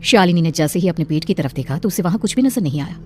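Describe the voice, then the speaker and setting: A woman's voice: fairly low pitch, animated, fast, a little hiss or hum. A woman narrating a scripted horror cartoon story in a dramatic storytelling style.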